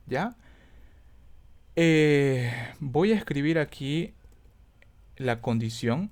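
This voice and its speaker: Casting: male instructor, mid pitch, patient step-by-step lesson, frequent check-ins, thinks aloud and self-corrects. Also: a little mellow. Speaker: teacher. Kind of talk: screen-recorded coding lesson.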